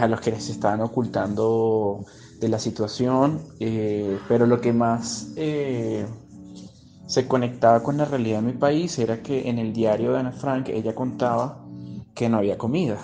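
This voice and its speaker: A Venezuelan man in his twenties, a journalist giving a reflective personal testimony with pauses and hesitations. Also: mid-range voice, mellow. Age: 20s.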